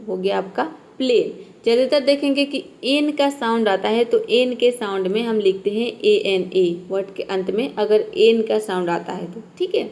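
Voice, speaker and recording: Lady teacher explaining spelling rules, slightly high voice, patient, keeps saying theek hai. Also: darkish tone. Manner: patient, repeats "ठीक है" and "देखिए" often. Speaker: English teacher. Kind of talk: classroom spelling lesson.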